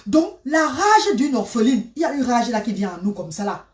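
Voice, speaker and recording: A woman telling a personal story in a dramatic, repetitive way that swings between loud and hushed. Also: a little high, big pitch swings, moderate pace. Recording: roomy, from a distance.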